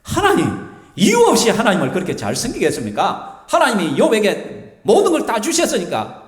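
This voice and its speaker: A sulking, indignant male devil whines his complaint in a sharply raised, squeaky voice, as a preacher puts him on. The whine bounces with a long reverberant church-hall tail. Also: wildly swooping pitch, fairly quick. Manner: whiny, protesting.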